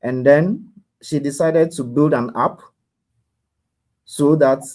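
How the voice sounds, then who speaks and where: A man's voice: on the high side, takes it slowly, a little mellow, rough recording. Earnest man explaining over a video call. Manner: earnest, repeats key points. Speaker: guest expert. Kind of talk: explaining to a host.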